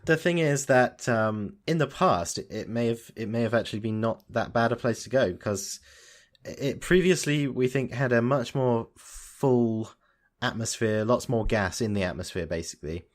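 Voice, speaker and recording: A man's voice: mid-range voice, normal speed. A young man co-hosting a casual podcast, thinking aloud with many restarts as he explains science news. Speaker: podcast co-host. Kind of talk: casual chat.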